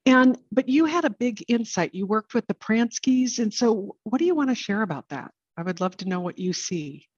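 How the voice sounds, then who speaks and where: Enthusiastic, husky-voiced woman host. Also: on the high side, animated, a little mellow, no echo, dull audio. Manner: enthusiastic, halting, restarts often. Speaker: interview host. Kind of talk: conversational interview.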